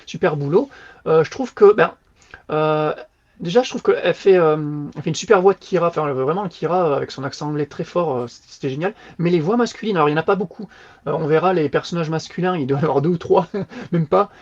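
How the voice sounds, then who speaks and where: A man co-hosting a podcast, chatting casually as he reviews a novel in an animated, slangy, loose way. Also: a little high, quick pace, muffled recording. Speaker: podcast co-host. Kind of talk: casual book review chat.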